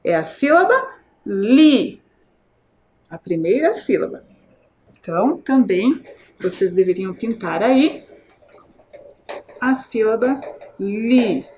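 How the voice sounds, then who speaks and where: A woman teacher with a Brazilian Portuguese accent giving a televised lesson to children, explaining slowly and clearly, syllable by syllable, and checking in with questions. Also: fairly high pitch, sing-song, a little mellow. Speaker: primary school teacher.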